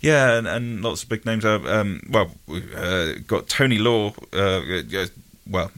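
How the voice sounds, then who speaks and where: A British man with a low voice chats as an interview guest. He speaks casually and hesitantly, rambling as he feels his way through each answer. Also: animated, a little slow, fairly bright tone. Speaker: musical comedian, interview guest.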